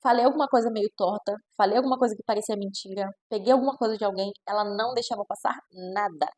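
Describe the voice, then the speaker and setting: Fast-talking Brazilian woman nutritionist. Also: medium pitch, a little mellow. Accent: Brazilian Portuguese. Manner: chatty, with frequent "né?" tags; acts out quoted parents in shifting voices. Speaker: child nutritionist. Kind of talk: reflective casual talk to camera.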